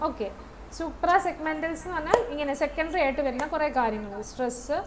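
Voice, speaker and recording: A woman's voice: high-pitched, expressive, normal speed, very noisy. A woman giving an online English lesson. She mixes English terms into her explanations and checks in with her students. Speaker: English teacher. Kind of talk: online class lecture.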